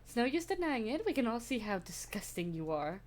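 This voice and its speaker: Woman reading as a bitter, jealous schoolgirl who sneers insults, lively swings, a bit higher. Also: fairly quick. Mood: sneering. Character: spiteful gloomy teenage girl, jealous and obsessive. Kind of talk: reading game dialogue aloud.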